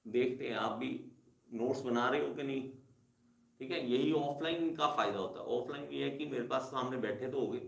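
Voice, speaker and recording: A man's voice: medium pitch, normal speed, gravelly, roomy sound. A male engineering teacher giving a classroom lecture, repeating key terms and calling his students kids. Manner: repetitive, addresses students as kids.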